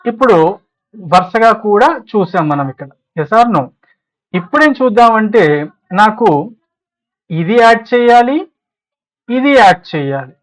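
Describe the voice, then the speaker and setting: A man teaching a spreadsheet lesson over a screen recording, asking his listeners questions, answering them himself and repeating each point slowly. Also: sits high, animated, low-quality recording. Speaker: spreadsheet tutor.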